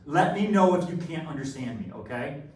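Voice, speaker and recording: A man's voice: on the high side, lively intonation, moderate pace. A man teaching a live online math class. He repeats each instruction and sounds like he is in an echoing tunnel because he is far from the camera mic. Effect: echoing tunnel-like sound from a distant camera mic. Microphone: built-in camera microphone across the room. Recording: very echoey room, far from mic, faint noise.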